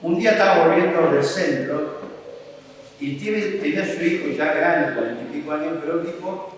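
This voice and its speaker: A man with an Argentine accent preaching a sermon as a pastor, telling a story in a conversational way with emphatic asides and frequent restarts. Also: a little high. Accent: Argentine Spanish. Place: large hall at a church camp. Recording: echoey hall from far off, faint ambience.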